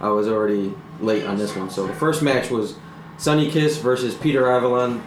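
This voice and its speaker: A man from the Chicago area hosts a casual podcast in a loose, joking way, swearing freely. His voice is of middling pitch. The room is echoey, with faint noise behind. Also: fairly quick. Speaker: podcast host. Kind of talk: casual chat.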